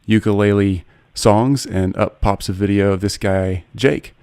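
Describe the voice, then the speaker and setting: A man's voice: on the low side, steady tone, measured pace, darkish tone, clear, resonant tone, no echo, clean studio sound. A man in his forties hosting a podcast interview, speaking in an earnest, personal and eager way. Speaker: podcast host.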